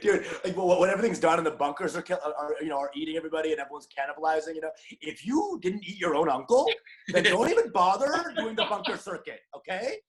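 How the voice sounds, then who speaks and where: A man in his thirties from Dallas, a guest comedian chatting casually on a podcast, energetic, joking and profane. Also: a little high, quick pace, low-quality recording. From Dallas, USA.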